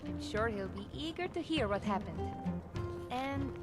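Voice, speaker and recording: Poised companion, slightly high voice. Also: female voice, expressive, a little slow. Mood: friendly. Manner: composed, dry, articulate. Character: poised, dry-witted female bard college companion. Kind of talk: fantasy video game character acting. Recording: loud game music behind the voice.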